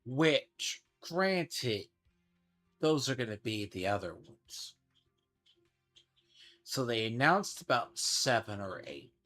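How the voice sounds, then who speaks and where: A man's voice: mid-range voice, very animated, slow pace, pauses often, a bit bright. A man giving casual game commentary, rambling and thinking aloud as he speculates. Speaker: gaming streamer. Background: game music.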